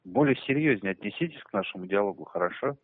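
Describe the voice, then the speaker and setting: A man's voice: fairly low pitch, expressive, fast. A man working as a bank debt collector, speaking in a stiff, insistent, bureaucratic way over a crackly phone line. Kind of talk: formal phone call.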